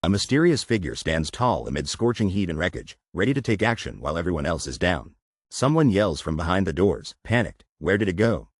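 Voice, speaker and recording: A man's voice: low voice, big pitch swings, brisk, no echo, studio quality. A man narrating a comic recap as scripted voice-over, wisecracking with playful asides.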